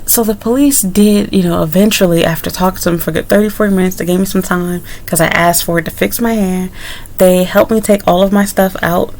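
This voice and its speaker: A young adult woman, a native English speaker, shares a personal story in a casual story-time vlog, rambling candidly and often turning aside to address her viewers. Her voice is lowish and a little mellow, with slight background noise.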